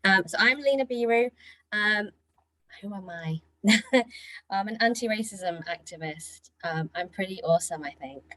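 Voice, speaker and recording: A woman's voice: mid-range voice, a little slow, a bit bright, no room sound, rough recording. A woman speaking informally and playfully as a panellist introducing her work. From Mauritius. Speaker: panellist, anti-racism activist.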